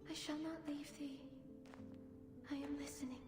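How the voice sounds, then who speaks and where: An actress playing a tender, anxious, devout woman of olden times in a video game, speaking solemn archaic English with a soft voice. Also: high voice, flat delivery, close to an everyday voice. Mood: tender, probing. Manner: solemn, slow archaic phrasing. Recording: long echoing reverb under music.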